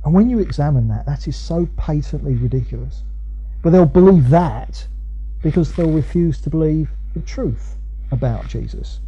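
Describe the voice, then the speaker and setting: Mellow Essex man preaching, high-voiced. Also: animated, normal speed, breathy edge, highs cut off. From Essex, England. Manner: emphatic, repeats key phrases, acts out quoted arguments. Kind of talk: conversational expository sermon.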